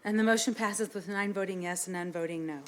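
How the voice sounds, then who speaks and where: A woman chairing a council meeting, formally reading out agenda items and procedure in a brisk, businesslike manner. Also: mid-range voice, slight background noise. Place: indoor council meeting room.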